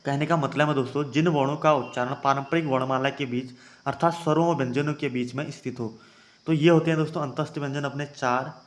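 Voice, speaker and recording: Young guy doing an exam prep grammar lesson, normal pitch, keeps going "try saying it". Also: steady tone, quick pace. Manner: addresses viewers as friends, repeats points; has viewers try sounds aloud. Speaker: teacher.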